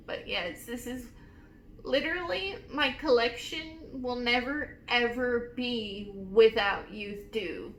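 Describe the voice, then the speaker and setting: A woman in her twenties casually reviewing perfumes, gushing and emotional with drawn-out emphasis. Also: fairly high pitch, fairly bright tone. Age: 20s. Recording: echoey room with faint noise.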